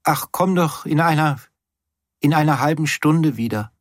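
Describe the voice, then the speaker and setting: A man's voice: on the high side, expressive, normal speed, dry recording, studio quality, voice pushed up. A man voicing a drowsy, plaintive young woman. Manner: plaintive, drowsy, then softening. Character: sleepy young woman woken too early. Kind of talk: audiobook character voice.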